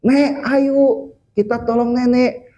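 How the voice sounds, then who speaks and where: A man's voice: extremely high pitch, steady tone, mellow, muffled recording, voice pushed up. A man voicing a rescue-team worker who urgently calls on an old woman to come along. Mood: urging. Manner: urging, hurried.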